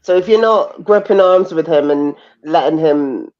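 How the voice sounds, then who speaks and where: A woman's voice: low voice, normal speed, a little mellow. A woman with an English accent talking in a live open discussion, questioning and bluntly analytical, over a dull online voice chat.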